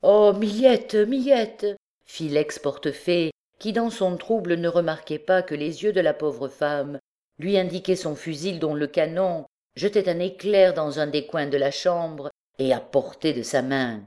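A low-voiced woman reads a classic novel as an audiobook, telling the story in a measured, expressive way.

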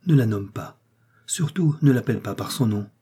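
A desperate young ghost woman in a spoken storybook, as a male narrator puts her on, her pleas urgent and breathless, sinking to a hushed whisper. The voice is dark and husky. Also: medium pitch, expressive, normal speed. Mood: terrified urgent.

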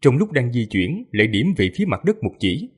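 A male storyteller with a mid-range voice that rises and falls a great deal as he reads. His tone is slightly husky, and his narration is steady and expressive. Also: medium pitch, brisk. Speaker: audiobook narrator.

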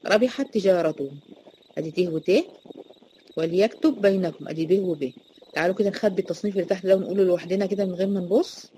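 A woman's voice: fairly low pitch, fairly even intonation, rapid-fire, warm tone, slight background noise, rough recording. A woman teacher with an Egyptian accent explaining a recitation lesson, asking questions and answering them herself. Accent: Egyptian Arabic.

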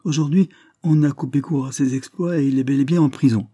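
A man reading aloud voices a cautious, deferential country lawyer who speaks politely and in measured terms. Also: medium pitch, warm tone, husky, no room sound, studio quality, pitched above the performer's own voice, lightly acted. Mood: reporting.

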